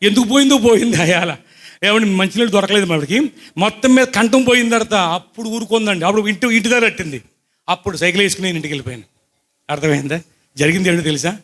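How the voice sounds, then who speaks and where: A fast-talking man with a high voice preaches to his congregation, weaving personal testimony together with scripture. He asks the listeners questions as he tells his story, swinging between loud, excited bursts and quiet asides.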